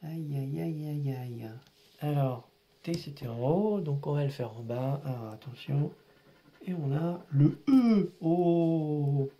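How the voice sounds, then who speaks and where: A man's voice: on the high side, takes it slowly, dark tone. A man giving casual running commentary while scratching lottery tickets, grumbling and exasperated, muttering to himself.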